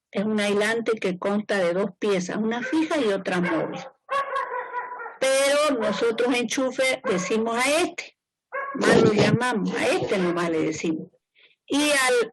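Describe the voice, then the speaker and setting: A woman's voice: medium pitch, poor audio. A woman teaching a class as an engineer. She explains informally, repeats her points and keeps checking in with her students. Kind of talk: classroom lecture.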